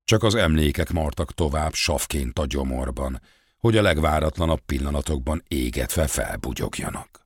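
A man reading an audiobook in a calm, expressive scripted narration. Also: rumbling low, slightly rough, no echo, clean studio sound.

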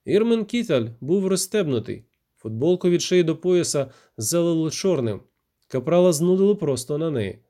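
A man narrating a first-person audiobook in a steady, measured way. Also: a little high.

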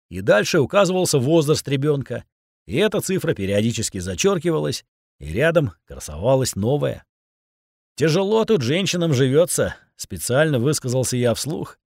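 Man reading an audiobook, lively tone, dry close mic. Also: mid-range voice, no room sound. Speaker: audiobook narrator. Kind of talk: first-person audiobook narration.

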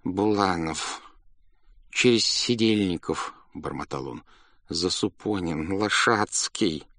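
A man's voice: fairly low pitch, animated, takes it slowly, no room sound, studio quality, heavily acted. A man voicing a flustered, forgetful estate clerk who mutters names aloud in a storybook reading. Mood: muttering.

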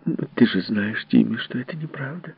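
A man voicing a gentle, distraught woman caretaker who speaks in a soft, hushed, comforting way. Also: mid-range voice, normal speed, vocal fry, breathy edge, dry recording. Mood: tearful tender. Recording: dull, dry audiobook recording.

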